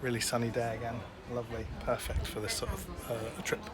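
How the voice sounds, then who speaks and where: A man chatting casually as he films a travel vlog outdoors, relaxed and quick to laugh. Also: medium pitch, a loud crowd. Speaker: travel vlogger. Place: outdoors at sightseeing spots. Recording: loud outdoor wind and traffic noise.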